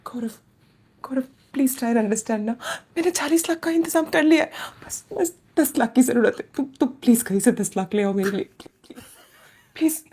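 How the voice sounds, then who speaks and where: A woman's voice: sits high, takes it slowly. A woman playing a desperate young married woman in debt, pleading and breaking into sobbing appeals in a melodramatic web drama. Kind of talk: melodramatic Hindi short-drama acting.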